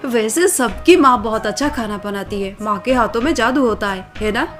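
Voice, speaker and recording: A kind young village man, voiced by a woman storyteller speaks in a patient, soothing way. The voice stays fairly high for a man. Faint music runs under the story recording. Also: expressive, normal speed, natural voice. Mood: gentle.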